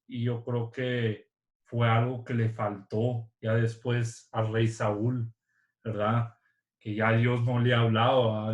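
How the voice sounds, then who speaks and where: Slow, flat-voiced preacher man. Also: lowish voice, roomy sound, highs cut off. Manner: halting, repeats words, tags lines with "¿va?". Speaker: church speaker. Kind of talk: informal sermon.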